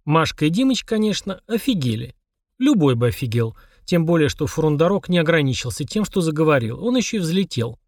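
A man narrating an audiobook in an even storytelling manner. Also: a little high, fairly quick, no echo, studio quality.

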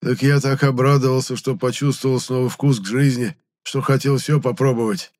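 A man voicing a sick, hungover male ghost stuck in a human body, croaking and moaning. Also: mid-range voice, fairly even intonation, moderate pace, darkish tone, pitched above the performer's own voice, close to an everyday voice. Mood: plaintive.

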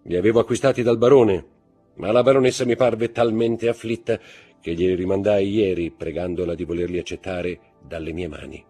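A man voicing a calm, courteous nobleman who speaks in composed, reassuring tones in an audiobook reading. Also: deep voice, fairly quick, husky, soft background music. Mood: gracious.

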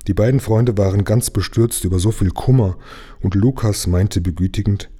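A man reads a children's story aloud, telling it expressively. His voice is low and dark. A husky grain runs through it. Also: moderate pace. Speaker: reader of a children's book.

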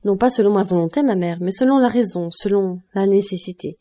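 A woman's voice: medium pitch, brisk, warm tone, lightly acted. A woman voicing an earnest young man who is a devoted son, in an audiobook reading. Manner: earnest, persuasive, forced cheer.

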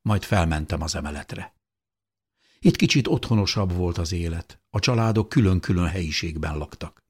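A man narrating an audiobook in a calm, measured storytelling manner. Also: low voice, slightly rough. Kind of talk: scripted narration.

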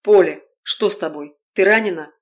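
A woman's voice: medium pitch, normal speed, natural voice. A stern young man barks urgent orders to a thug and then turns to the wounded woman he has come to save, as a woman reads him in an audiobook. The voice is commanding and sounds close to a plain reading voice. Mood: worried. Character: stern young male rescuer.

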